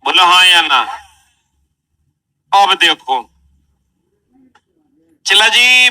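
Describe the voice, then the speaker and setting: A man's voice: high-pitched, pushed and bright, distant mic, rough recording. A male teacher with a Bihari Hindi accent, giving a chatty classroom lecture and quizzing the students. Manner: chatty, asks the class questions.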